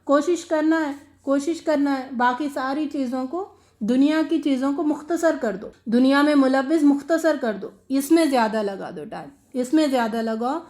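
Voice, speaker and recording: A woman's voice: high voice, darkish tone. A woman giving a religious lesson on Quran recitation, earnest and questioning, repeating phrases for emphasis and mixing in English words. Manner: mixes English words into speech. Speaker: Quran teacher. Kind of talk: religious lecture.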